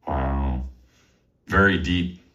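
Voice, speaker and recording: A man with a very low voice asks short, curious questions as an interviewer. He sounds set back from the microphone. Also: very slow, pushed and bright, far from the mic, lo-fi sound.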